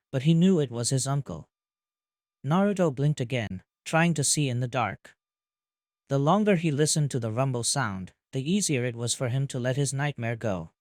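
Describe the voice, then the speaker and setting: A man reading fan fiction aloud as narrator in a calm, even scripted narration. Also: medium pitch, dry recording, clean studio sound.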